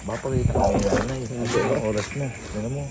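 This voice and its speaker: A man's voice: medium pitch, fast, heavy background noise. A man, chatting politely and laughing easily while visiting a family. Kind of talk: casual chat. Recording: loud music over the talk.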